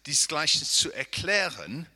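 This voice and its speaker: A male preacher giving a slow, unhurried Bible-teaching sermon. His voice is very bright and sharp-edged. He keeps putting rhetorical questions to the listeners, checks in with a quick "ja?", and reasons aloud with restarts. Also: on the high side, big pitch swings. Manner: thinks aloud, with restarts and hedging.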